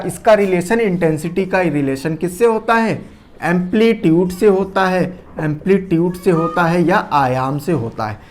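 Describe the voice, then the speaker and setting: Man teaching with constant repeated questions. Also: high voice. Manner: repeats key points with rhetorical questions, checks understanding; shifts loudness and speed to demonstrate. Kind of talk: classroom lecture.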